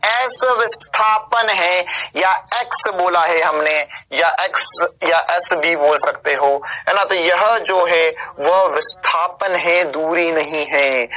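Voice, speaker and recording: A man with a fairly high, sharp voice teaches physics in an online exam-prep lecture, heard on a low-quality recording. He's emphatic and informal, repeating tag questions to check on students and calling them "beta" and "bhaiya" (kids and brother). He tosses in joking asides as he explains.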